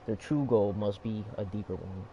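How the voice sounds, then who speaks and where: A man voicing a serious, mysterious swordsman who speaks in a formal, measured way, in a video game. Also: on the low side, dull audio, heavy background noise, lightly acted. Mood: grave. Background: game music.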